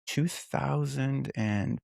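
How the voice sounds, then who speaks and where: A man in his forties guests on a podcast, telling his life story candidly with self-deprecating humor and frequently restarting sentences. His medium-pitched voice is a little mellow, with drawn-out words and vocal fry, captured as clean studio sound with no room echo.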